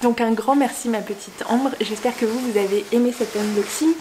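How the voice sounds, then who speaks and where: A young woman vlogging casually, excitedly gushing over a book gift she unboxes. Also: on the high side, brisk, slight background noise. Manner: gushing, excitable, many exclamations.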